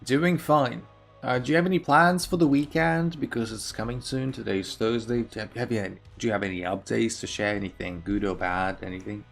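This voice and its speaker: Gravelly-voiced man chatting with viewers live. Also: medium pitch, steady tone, brisk, faint music behind. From Belarus. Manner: chatty, reads and answers chat aloud. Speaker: chess streamer. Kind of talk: casual live-stream chat.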